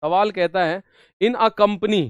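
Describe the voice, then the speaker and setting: A man's voice: sits high, fairly even intonation, takes it slowly, clean tone, no room sound, lo-fi sound. A man teaching an exam-prep maths lesson, repeating each step and coaxing his students along. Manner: repetitive, coaxing, addresses students as brother.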